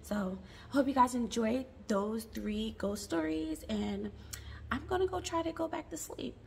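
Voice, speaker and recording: Woman, sore throat, gravelly voice, soft late-night reaction, slips into whispers. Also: fairly high pitch, measured pace, slight background noise. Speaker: reaction vlogger.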